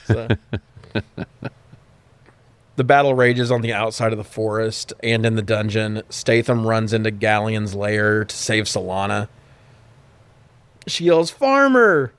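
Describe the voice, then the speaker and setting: A man's voice: lowish voice, level tone, unhurried, long pauses, clear, resonant tone, no echo. A man co-hosting a podcast, recapping a film in casual chat, sarcastic and profane, often laughing. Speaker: podcast co-host. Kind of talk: casual movie review chat.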